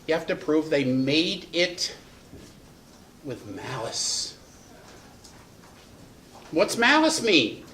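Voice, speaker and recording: A man teaching a law lecture for bar exam prep, acting out examples with sudden dramatic jumps in pitch. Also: big pitch swings, drawn-out words, long pauses, sharp tone, slight background noise.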